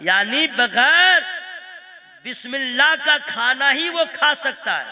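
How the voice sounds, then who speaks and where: High, bright-voiced playful male preacher. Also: lively intonation, slow pace. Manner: playful, laughing, coaxing the crowd; mixes in Bengali phrases. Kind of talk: jalsa sermon with sung verses. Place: open-air religious gathering.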